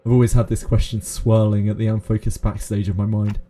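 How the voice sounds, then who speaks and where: A man's voice: lowish voice, little pitch movement, brisk, mellow, a little hiss or hum. A man streaming a game, reading its story text aloud in a dramatic narrating style.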